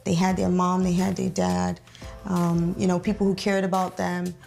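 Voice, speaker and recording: A woman telling her life story in an interview, speaking haltingly with many fillers and pauses. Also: on the low side, level tone, gravelly. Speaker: interviewee sharing her testimony. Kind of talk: reflective testimony interview. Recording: soft music underneath.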